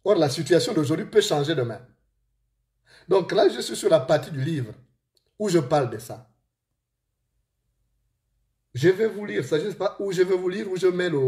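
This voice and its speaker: A man with a Gabonese accent, an author telling a story to listeners and reading aloud from his own book in a lively way. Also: a little high.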